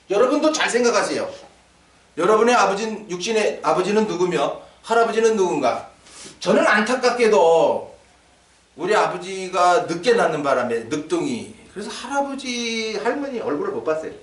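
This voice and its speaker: A man's voice: sits high, normal speed. An older man preaching a sermon as pastor, asking the congregation questions and joking with them. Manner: lively, asks the congregation questions, jokes. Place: church sanctuary. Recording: echoey church hall, mic at a distance.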